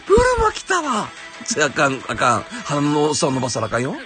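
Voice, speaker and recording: An excitable man with a broad Kansai accent chatters through his game pulls, his voice leaping wildly from low mutters to high yelps. He exclaims and muses aloud in a loose, casual way. Game music plays clearly underneath. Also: fast talker. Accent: Kansai Japanese. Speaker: gaming YouTuber.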